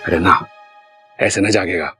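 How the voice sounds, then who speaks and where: A man's voice: deep voice, a little slow, pushed and bright. An actor playing a cheerful eldest brother who coaxes his younger brother in a playful way in a TV serial. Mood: coaxing. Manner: coaxing, playful. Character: cheerful scheming eldest brother, adult man. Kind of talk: TV serial acting. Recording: music playing behind.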